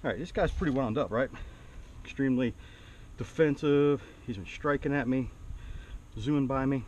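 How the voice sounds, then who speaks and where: A man giving a relaxed outdoor snake demonstration on a handheld camera, explaining and asking the viewer questions. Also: medium pitch, moderate pace, a little hiss or hum, low-quality recording. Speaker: snake educator. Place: outdoors near a trailer. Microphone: handheld camera mic.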